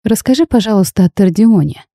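A woman reading the lines of a bold, sharp-tongued young half-fairy bride in a storybook tale, lively and teasing in tone. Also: medium pitch, a little fast, no echo, clean studio sound. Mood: spirited.

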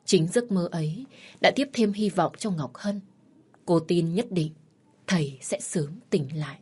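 A woman reads a sad story aloud in a somber, emotional way. Her voice is husky and sits slightly low. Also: unhurried, darkish tone. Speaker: narrator. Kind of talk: scripted story narration.

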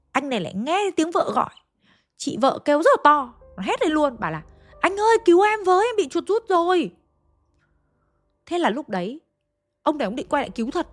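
Woman telling a ghost story. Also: on the high side. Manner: lively, shifting pace and loudness for suspense. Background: faint background music.

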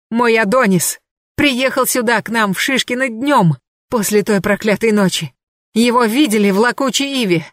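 A woman voicing a hysterical, jealous woman swinging a hoe, her lines frantic and shrill, in an audiobook. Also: no room sound, studio quality, close to an everyday voice. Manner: frantic, shrill, hurled outbursts.

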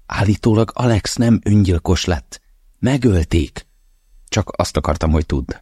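A man's voice: low-pitched, a little mellow, husky, no room sound, studio quality, voice pushed up. A man reading an audiobook, voicing an anxious elderly mother calling her grown son. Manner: anxious, insistent. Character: worried elderly mother on the phone.

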